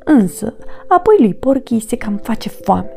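A woman reading a children's storybook aloud, gentle and expressive. Her voice sits a little high yet sounds mellow and gravelly. Faint music plays underneath.

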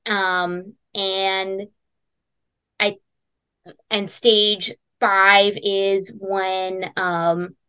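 A woman's voice: medium pitch, flat delivery, very slow, long pauses, bright, forceful tone, smooth, lo-fi sound. A woman hosting a casual podcast chat, hesitant and full of ums and uhs. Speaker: podcast host.

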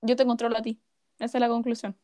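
A woman's voice: on the high side, completely flat delivery, quick pace, dark tone, no room sound. A young woman with a Chilean accent chatting casually, joking and using plenty of slang. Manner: joking, slangy, laughs often. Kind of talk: casual chat.

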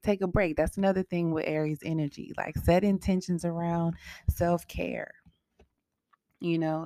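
Woman, low voice, astrology podcast host, emphatic, repeats herself, dry close recording. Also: darkish tone, no echo. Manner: emphatic, repeats herself, asks and answers her own questions. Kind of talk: casual astrology talk.

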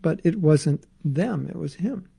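A man's voice: fairly high pitch, animated, a little slow, creaky, mellow, husky. A man teaching a scripture class, reading passages aloud and explaining them in casual asides. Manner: reads a passage then comments in casual asides.

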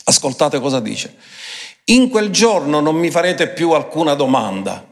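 A man preaching a sermon emphatically, switching between quick phrases and slow, drawn-out ones. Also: fairly high pitch, very animated. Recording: long hall reverb.

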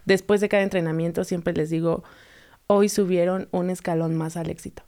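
Animated Mexican woman coaching skaters. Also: on the low side, normal speed. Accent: Mexican Spanish. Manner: animated storyteller who acts out quoted voices. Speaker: roller skating coach and club founder. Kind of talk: casual interview talk.

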